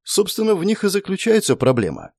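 Male reader as a serene, ageless female spirit; melodic, patient, pitched up, storybook. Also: fairly quick, dry recording, studio quality, heavily acted. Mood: calm, melodic. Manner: melodic, calm, explaining patiently.

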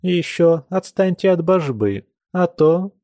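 A man's voice: expressive, unhurried, warm tone, no room sound, studio quality. A man reading an audiobook, voicing a stern, fussing old grandmother who scolds. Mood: scolding. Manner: scolding, raised higher voice.

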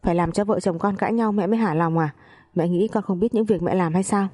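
A woman's voice: medium pitch, fast talker, mellow, close to an everyday voice. A woman voicing an angry young husband who reproaches his mother in an audio story. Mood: reproachful. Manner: pleading, reproachful.

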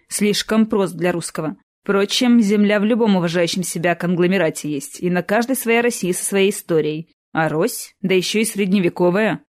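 A woman voicing a handsome man of about thirty with a dry, ironic and unhurried manner, in an audiobook. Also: mid-range voice, natural voice.

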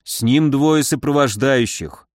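A man's voice: medium pitch, unhurried, no echo, studio quality, close to an everyday voice. A man voicing a terse, plain-spoken young male retainer. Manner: terse, matter-of-fact.

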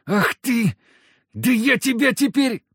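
A man voicing a drunk, loutish young nobleman's son who slurs, boasts and threatens loudly in an audiobook. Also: medium pitch, big pitch swings, slow pace, dry recording, studio quality, pitched above the performer's own voice, heavily acted. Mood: drunken yelling. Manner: slurred bellowing, boastful and threatening.

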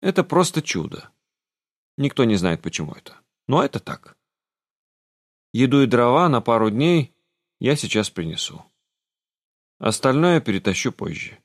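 A man's voice: medium pitch, very animated, normal speed, long pauses, no room sound, clean studio sound, pitched above the performer's own voice. A man voicing the grumpy, aloof master of an old castle in an audiobook, grumbling and condescending.

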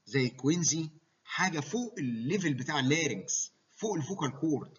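A man's voice: fairly high pitch, animated, fairly quick, husky, highs cut off. A man with an Egyptian Arabic accent giving a medical lecture, mixing English medical terms into his Arabic and often checking that students follow.

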